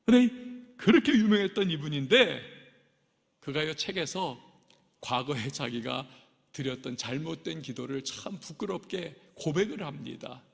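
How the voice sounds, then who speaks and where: A man pastor preaching a sermon, telling the story dramatically and swinging between soft and loud. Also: a little high, expressive, measured pace, vocal fry. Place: large church sanctuary. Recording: long reverb of a church hall.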